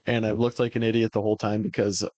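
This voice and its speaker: A man's voice: fairly low pitch, fast, no echo, highs cut off. Profane, rambling man in dry room. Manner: profane, animated, rambling with fillers. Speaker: podcast co-host. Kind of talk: casual sports chat.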